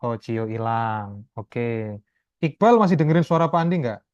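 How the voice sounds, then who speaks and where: A man lecturing a class over a video call, explaining step by step in a chatty way and often tagging his sentences with quick checks. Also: mid-range voice, animated, darkish tone, smooth, dry recording, muffled recording. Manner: chatty, explanatory, keeps adding tag questions. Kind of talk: online class talk.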